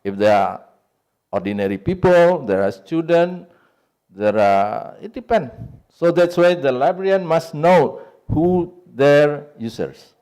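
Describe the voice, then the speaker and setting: A man with an Indonesian accent talks in unscripted English, his second language, with a warm and relaxed tone. He stops often to find words and fills the gaps with "uh". He sets out his points one at a time and leans on each one. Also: fairly high pitch, clear, resonant tone. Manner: halting, searching for English words with many fillers. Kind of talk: unscripted talk on a panel.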